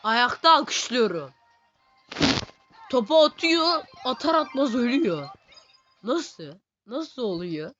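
A male gaming host giving casual, excitable commentary while he plays, teasing the game characters and chanting words over and over. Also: very high-pitched, takes it slowly, pauses often, faint music behind. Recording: slightly dull lo-fi recording.

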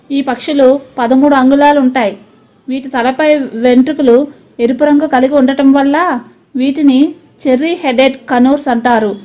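A woman with a high, light voice reads an informational voice-over. She speaks in short, plain sentences, stepping through one item after another at an even, steady rate. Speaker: narrator.

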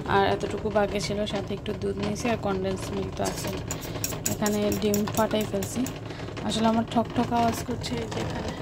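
A woman's voice: medium pitch, very noisy. A young woman, vlogging from her home kitchen and chatting through each cooking step. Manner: chatty, explains each step as she cooks. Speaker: vlogger and mother. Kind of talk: casual home vlog narration.

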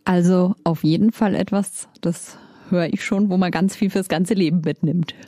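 A woman hosts a radio interview and asks measured, curious questions. Her voice is low and mellow, and the studio sound is close and dry. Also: fairly even intonation, no echo. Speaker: radio host.

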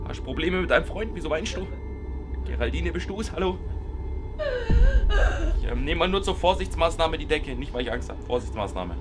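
A young man reacting to horror videos, animated and jokey, with mock fear and shouts at the screen. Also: a little high. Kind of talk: reaction commentary. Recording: music in the background.

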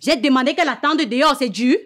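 Woman as a fiery confrontational sister, high voice, rapid-fire. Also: fairly bright tone. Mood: angry. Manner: scolding, confrontational, repeats herself. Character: hot-tempered young woman, protective older sister.

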